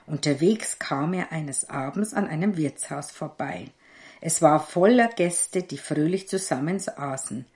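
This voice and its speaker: A woman narrating a fairy tale in a slow, measured storytelling manner. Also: sits low, darkish tone.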